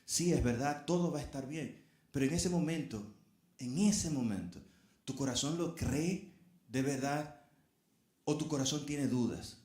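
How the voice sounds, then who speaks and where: A man's voice: mid-range voice, measured pace, long pauses, darkish tone, reverberant. A middle-aged man preaching a sermon as a pastor, earnest and speaking straight to his congregation.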